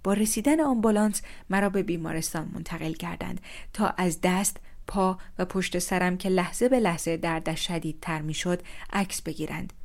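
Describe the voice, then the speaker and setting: A woman calmly reading a first-person story aloud as scripted narration. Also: fairly low pitch, gravelly. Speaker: story reader.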